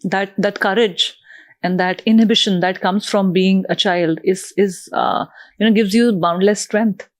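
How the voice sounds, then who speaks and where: A woman's voice: medium pitch, steady tone, a little slow, dry recording, studio quality. A woman hosting a podcast, asking friendly, probing questions and laughing often. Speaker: podcast host. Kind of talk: interview.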